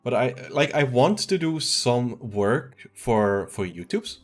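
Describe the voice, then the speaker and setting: A man's voice: medium pitch, very animated, slow pace, soft background music. A man in his twenties from Switzerland, chatting casually and rambling through a game stream, chuckling now and then. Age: 20s. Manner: rambling, laid-back, chuckles often. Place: at home.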